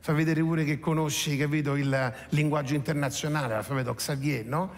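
A middle-aged man performing a stand-up comedy monologue, animated and exasperated, breaking into shouted character bits. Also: fairly high pitch, a little fast. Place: theatre stage before an audience. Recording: echoey hall, faint ambience.

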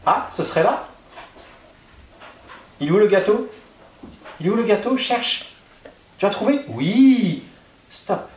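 Calm French-speaking dog trainer, man. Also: high-pitched, slow pace, pauses often. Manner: calm, firm short commands. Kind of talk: home training demonstration. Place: indoors at home. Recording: echoey room.

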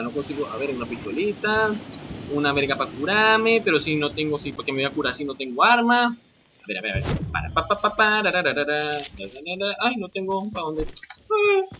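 A man with a Venezuelan accent giving excitable live game commentary, yelping, swearing and talking to himself. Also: a little high, a little fast, background noise. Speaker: gamer.

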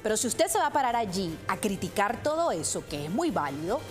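A woman's voice: medium pitch, very animated, brisk, soft background music. A woman in her thirties presenting the news in a studio with pointed commentary, speaking emphatically into a lapel mic. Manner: emphatic, gestures while speaking.

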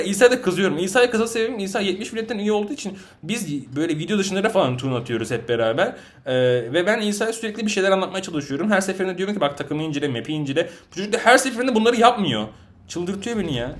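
A man giving live gameplay commentary, answering chat questions and ranting in frustration at his teammates, swinging between loud outbursts and low muttering. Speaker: gaming channel host.

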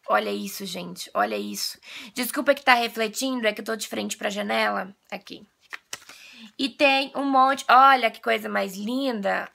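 A woman's voice: fairly high pitch, gravelly. A Brazilian woman in her twenties chatting casually to camera like a gushing fan, her voice slightly nasal from a coming cold. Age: 20s. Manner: gushing, animated fan talk. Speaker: video blogger. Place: small bedroom, indoors.

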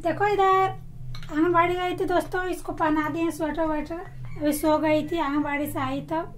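A woman's voice: sits high, a little hiss or hum. A young woman chatting casually to her viewers in a home vlog, filming herself with a phone held at arm's length around her rural house and yard. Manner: chatty, addresses viewers often. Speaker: vlogger.

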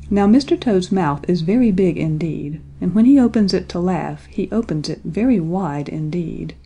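Lady reading a kids storybook, warm mellow voice, gentle. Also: lowish voice, expressive, normal speed, breathy edge. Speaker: audiobook narrator. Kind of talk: storybook narration.

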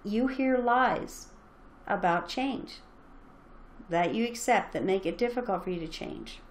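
A woman's voice: mid-range voice, animated, measured pace. A middle-aged woman giving an earnest, encouraging motivational talk as a parenting coach, speaking straight to her listeners.

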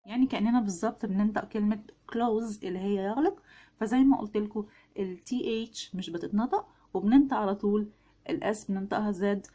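A woman's voice: mid-range voice, quick pace, mellow, slightly rough. A woman with an Egyptian Arabic accent giving a casual video lesson on English pronunciation, chatty and drilling words with her viewers.

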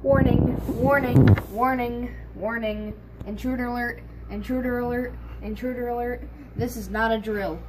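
A woman voicing a stern security alarm system that repeats its warnings in a flat monotone. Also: a little high, moderate pace, long pauses, lightly acted, poor audio.

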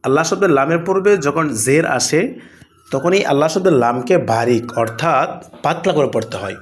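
A man teaching Quran recitation rules, stretching out words slowly as he recites, then explaining the rules and answering his own questions. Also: on the high side, animated. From Bangladesh. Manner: asks questions and answers them himself. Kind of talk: Quran lesson with slow drawn-out recitation and explanation.

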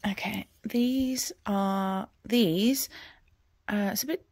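A woman in her forties chats casually about her stitching at home. Her voice sits in a middling register and is recorded dry and close. She rambles and often trails off into quiet murmurs as she counts stitches. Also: mid-range voice, a little slow, no echo. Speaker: cross-stitch vlogger. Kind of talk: casual progress update.

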